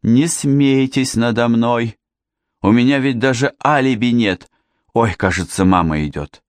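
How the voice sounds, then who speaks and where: A man's voice: medium pitch, measured pace, smooth, no room sound, pitched above the performer's own voice, lightly acted. A man voicing a theatrical young woman who insists and pleads in a melodramatic way. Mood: insistent.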